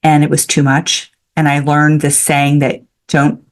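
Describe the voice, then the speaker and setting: A woman in her sixties, a podcast guest, telling a personal story in an animated, chatty way with frequent restarts. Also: low-pitched, a little slow. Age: 60s. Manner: animated, with many restarts and fillers. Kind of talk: storytelling in a casual interview.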